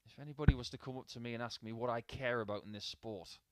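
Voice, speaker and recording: Male sports commentator, mid-pitched, casual storytelling between throws, dry studio-like sound. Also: fast talker, darkish tone, no echo. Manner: chatty, anecdotal, mixing stats with asides. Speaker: darts commentator.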